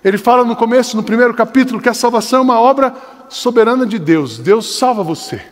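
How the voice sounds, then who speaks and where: An older Brazilian Portuguese pastor preaches with fervor, his unusually high voice climbing into shouts before falling to urgent, quieter pleading. The sound carries a long reverb from the church hall around him. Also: animated, quick pace. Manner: impassioned, swings between shouting and lowered urgent tones. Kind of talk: sermon. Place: church sanctuary.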